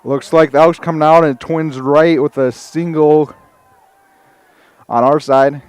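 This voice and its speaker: Breathless high school football announcer. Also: male voice, steady tone, unhurried, a little mellow, clear, resonant tone, no room sound. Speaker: play-by-play announcer.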